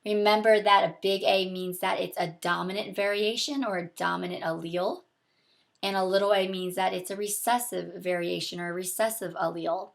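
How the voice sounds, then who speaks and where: A young adult woman who teaches biology explains things patiently, step by step, in a recorded video lesson from a small indoor home room with a window. Her sore, throaty voice is medium-pitched and creaky, with fairly even intonation and a brisk pace.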